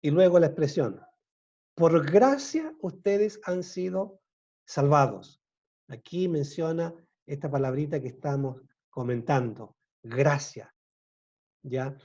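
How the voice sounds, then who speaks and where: A man giving an informal Bible study talk, explaining terms slowly and checking in with his listeners. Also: a little high, lively intonation, darkish tone, dull audio. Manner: slow, explanatory, often asks "¿ya?". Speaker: Bible teacher.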